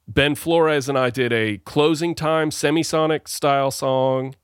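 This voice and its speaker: A man's voice: fairly high pitch, steady tone, measured pace, clean tone, no room sound, studio quality. A man hosting a show over a video call, talking in a rambling, playful way and often correcting himself. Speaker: podcast host. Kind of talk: casual songwriting chat.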